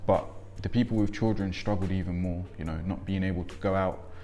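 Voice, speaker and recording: Deep-voiced young man, reflective. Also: steady tone, brisk, dark tone, faint music behind. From Congo, raised in England. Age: 20s. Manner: reflective, frequent ums. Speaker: interviewee, young father. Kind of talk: documentary interview.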